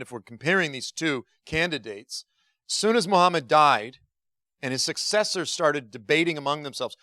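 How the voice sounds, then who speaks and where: Bright, crisp-voiced man giving a casual teaching talk. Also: fairly high pitch, no echo, studio quality. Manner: informal and joking, with frequent restarts and asides. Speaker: guest Bible teacher. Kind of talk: conversational teaching talk to a congregation.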